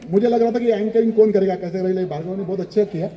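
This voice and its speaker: A man's voice: high-pitched, quick pace, highs cut off, background noise. A man, the principal of a school, giving a chatty, informal speech at a ceremony and slipping English phrases into his talk. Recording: echoey hall with long reverb.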